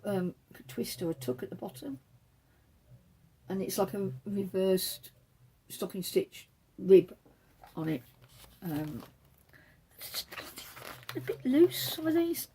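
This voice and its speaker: A woman's voice: medium pitch, slow, pauses often, mellow, breathy edge. A woman hosting a knitting podcast, chatting casually as she shows patterns from a book, rambling and correcting herself as she goes.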